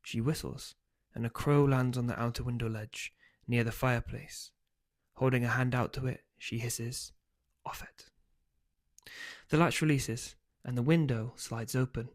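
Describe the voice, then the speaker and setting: A man reads his own novel aloud as its author. His voice sits at a middle pitch and he keeps a steady storytelling pace. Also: normal speed. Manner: steady storytelling, loose and hesitant when speaking offhand.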